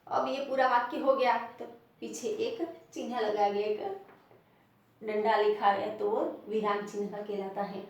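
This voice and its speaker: A woman teacher with a Rajasthani Hindi accent, giving a classroom lesson, explaining slowly and repeating example sentences with stress. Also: medium pitch, level tone, distant mic. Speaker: primary school teacher. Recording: very echoey room, voice off-mic.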